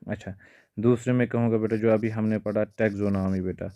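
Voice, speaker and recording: A man's voice: lowish voice, steady tone, fairly quick, warm tone, dry recording. A male biology teacher giving an exam-prep lecture, calling his students "beta" again and again and mixing English terms into his talk.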